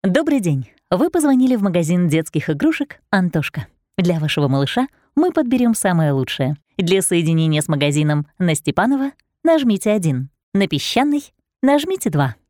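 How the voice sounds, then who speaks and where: A woman's voice: lowish voice, brisk, no echo, clean studio sound. A woman reading recorded phone greetings and menu options in a polished, courteous manner. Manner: polished, even-paced, courteous. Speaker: voice-over announcer.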